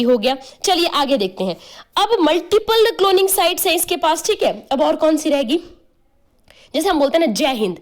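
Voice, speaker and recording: A woman teaching a biology class. She explains step by step, spells terms out letter by letter and keeps checking whether the students have followed. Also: sits high. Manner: explains step by step, often asks "clear?" and "okay?"; spells out terms letter by letter, uses playful memory tricks. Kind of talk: online class lecture.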